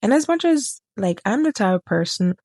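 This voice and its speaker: A woman's voice: mid-range voice, big pitch swings, moderate pace, darkish tone, dry recording, studio quality. A woman book reviewer chatting casually to camera, rambling, getting sidetracked and correcting herself as she goes.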